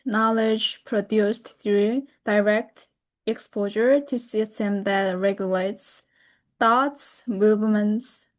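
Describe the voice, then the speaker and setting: Young woman from North Korea, Korean native, webinar speaker; slow, careful delivery with frequent fillers and restarts. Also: medium pitch. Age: young adult. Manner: careful and halting, frequent fillers and self-corrections. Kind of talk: presentation over a video call.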